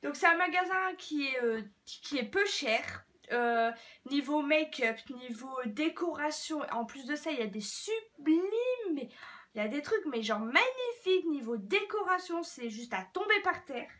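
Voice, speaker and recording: A woman's voice: high-pitched, animated, a little slow, a bit bright. A young woman from France showing off her shopping haul in a casual, rambling way, with plenty of fillers and restarts. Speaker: beauty vlogger. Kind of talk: casual haul video chat.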